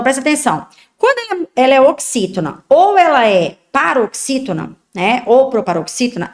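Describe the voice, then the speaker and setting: Brazilian woman teaching, asking "tá?". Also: high-pitched. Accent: Brazilian Portuguese. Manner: explanatory, many tag questions. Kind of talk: exam prep lesson. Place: online class video.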